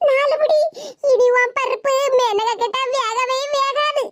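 A woman voicing a sharp-tongued, teasing village woman in a cartoon, with a Tirunelveli Tamil accent. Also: very high-pitched, lively intonation, takes it slowly, slight background noise, exaggerated voice. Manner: teasing, mocking, laughs often.

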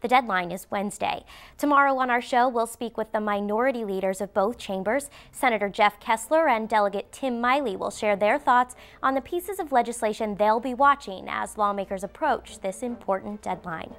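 A young woman news anchor presenting in a crisp, formal way from a TV studio. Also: fairly high pitch, moderate pace.

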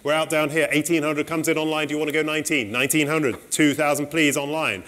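A middle-aged man working as an auctioneer, calling bids in a saleroom in a brisk, polite, repetitive way. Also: fairly high pitch, fairly even intonation, a bit bright.

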